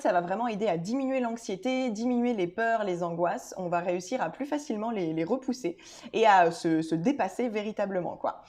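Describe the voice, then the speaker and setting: A woman's voice: mid-range voice, darkish tone. A woman talking casually to her viewers in a video, explaining things directly, with many hesitations and restarts. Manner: addresses viewers directly and informally. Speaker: vlogger.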